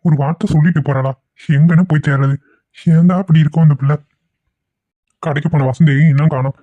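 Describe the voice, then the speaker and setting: A man's voice: fairly high pitch, steady tone, a little fast, no room sound, phone-quality sound, close to an everyday voice. A man voicing a worried, impatient middle-aged father who scolds his wife, in a cartoon. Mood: worried, scolding. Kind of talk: cartoon voice acting.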